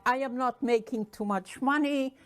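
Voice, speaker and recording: Woman in her eighties, halting testimony. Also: sits high, clean tone, soft background music. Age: 80s. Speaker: Holocaust survivor interviewee. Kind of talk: documentary interview.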